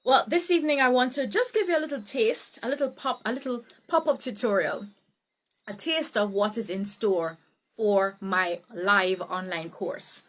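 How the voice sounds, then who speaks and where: A woman teaching a live online speech tutorial, greeting viewers and swooping her pitch up and down to show emphasis. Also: moderate pace. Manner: greets viewers by name, laughs easily. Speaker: speech coach.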